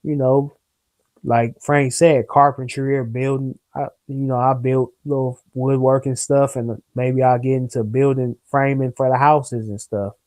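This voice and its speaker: A man's voice: medium pitch, level tone, measured pace, darkish tone, no echo, poor audio. A young man in a casual talk, earnest and preachy, rambling a little and using plenty of slang. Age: young adult. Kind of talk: casual discussion.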